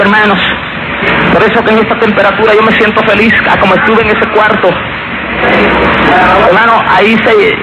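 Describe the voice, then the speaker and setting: A man from Guatemala with a Guatemalan accent, giving an earnest testimony sermon and calling his listeners brothers. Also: sits high. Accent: Guatemalan Spanish. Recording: muffled lo-fi recording with loud background noise.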